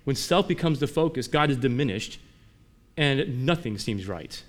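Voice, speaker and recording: Conversational preaching man, mid-pitched. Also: lively intonation, normal speed. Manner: conversational preaching with rhetorical questions; swings between emphatic and quiet. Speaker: pastor. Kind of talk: sermon.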